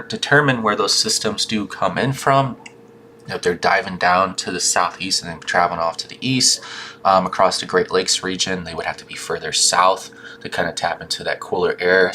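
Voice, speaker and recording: A man with a low, bright, forceful voice delivers an informal weather update. His mouth and gums are swollen, so he labors over longer words and restarts them. There is faint noise behind him. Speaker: weather forecaster.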